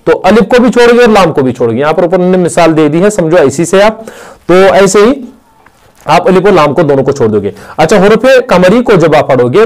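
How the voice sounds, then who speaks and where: Patient male Arabic teacher, slightly high voice. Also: a little mellow. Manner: explains step by step, repeats words, asks "understood?"; spells out letters and words slowly. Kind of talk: classroom lecture.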